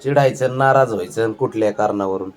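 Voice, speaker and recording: A man talking to his pet cat in a coaxing, cooing pet-talk manner, gently pleading and scolding. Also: fairly low pitch, quick pace, a faint crowd, slight background noise.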